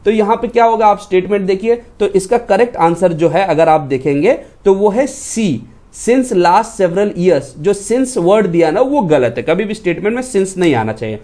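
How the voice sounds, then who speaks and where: A man teaching an exam-prep lecture, explaining patiently and reading example sentences slowly. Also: high voice, lively intonation, warm tone.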